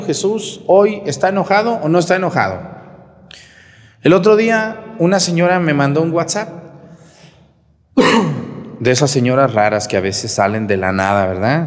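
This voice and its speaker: A man preaching a lively, teasing sermon as a priest. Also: mid-range voice, big-room sound. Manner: animated, mocking, preaching to the congregation. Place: church.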